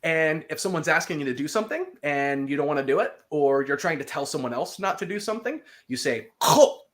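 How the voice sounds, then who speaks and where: A teacher giving a relaxed language lesson, explaining words patiently and repeating phrases slowly for a learner to copy. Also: mid-range voice.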